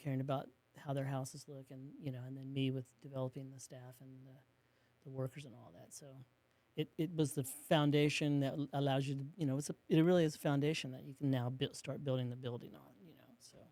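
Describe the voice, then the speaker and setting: A man, a business co-owner, telling a rambling story in an interview and acting out quotes in a hushed voice. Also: medium pitch, little pitch movement, quick pace. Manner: rambling, with many restarts and fillers.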